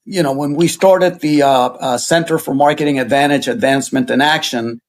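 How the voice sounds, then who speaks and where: This is a man being interviewed, a university center director, who tells stories earnestly in a conversational way, with frequent hesitations and fillers. His voice is mid-range, his intonation fairly even, and he speaks at a normal speed.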